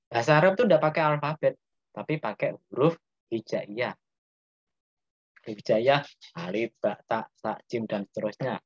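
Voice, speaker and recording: A man's voice: medium pitch, normal speed, pauses often, no echo, muffled recording. A man with a Javanese accent teaching a class and quizzing his students as he explains. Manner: asks students questions, explains step by step. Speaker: Islamic grammar teacher. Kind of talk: interactive classroom lesson.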